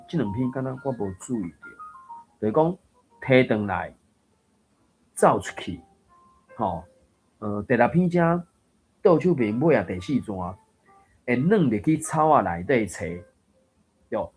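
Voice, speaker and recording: A man's voice: medium pitch, slightly rough. A man giving a casual lesson on reading aloud, thinking aloud with many fillers and restarts. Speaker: Taiwanese reading coach.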